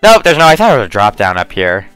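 A man's voice: on the low side, wildly swooping pitch, fast talker, fairly bright tone, clear, resonant tone, no room sound, soft background music. A man casually commentating his own gameplay, muttering to himself and swearing freely. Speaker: game streamer.

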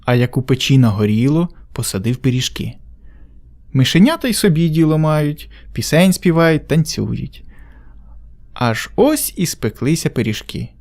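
A man reading a folk tale aloud as a storyteller, in an animated, expressive way. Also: on the high side, normal speed.

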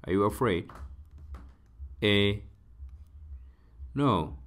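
A man with an Ethiopian accent teaching English phrases, whose first language is Amharic, saying each phrase slowly and repeating it. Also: fairly low pitch, fairly bright tone. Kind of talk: slow, repeated lesson dictation.

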